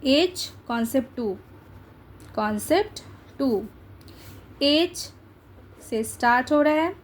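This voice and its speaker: A woman's voice: sits high, animated, slow pace. A young adult woman teaching an English grammar lesson, coaxing her students and checking often that they follow. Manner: coaxing, checks understanding with repeated tag questions. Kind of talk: exam-prep grammar lesson.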